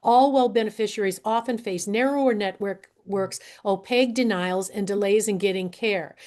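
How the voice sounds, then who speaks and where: Hoarse older woman giving a talk. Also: medium pitch, moderate pace, darkish tone. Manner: earnest, clears her throat often, walks through slides. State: hoarse, losing her voice. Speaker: guest speaker, healthcare advocate. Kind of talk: presentation talk.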